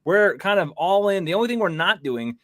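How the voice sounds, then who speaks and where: A man's voice: sits high, lively intonation, brisk, no room sound, clean studio sound. A man hosting a casual podcast livestream, rambling through news and reading chat comments aloud. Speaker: podcast host.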